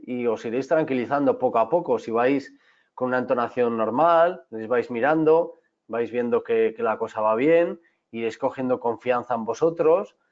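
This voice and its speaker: A man teaches a class on exam technique. He talks straight to the students, restarting his sentences and checking in with them often. His voice sits in a middle pitch, and the recording sounds a little dull and lo-fi. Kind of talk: online class lecture.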